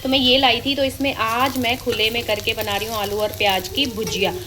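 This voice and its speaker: A woman's voice: a little high, fairly even intonation, brisk, background noise. A woman in her thirties, a mother chatting casually to her viewers as friends while cooking at home. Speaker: family vlogger and mother. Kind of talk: casual vlog chat to viewers. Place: home kitchen.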